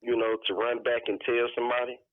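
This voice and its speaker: A man's voice: medium pitch, level tone, quick pace, no echo. A man in his twenties, a podcast guest calling in, talking casually and hedging with lots of "you know". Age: 20s. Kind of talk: casual chat. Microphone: phone call. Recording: dry, tinny phone line.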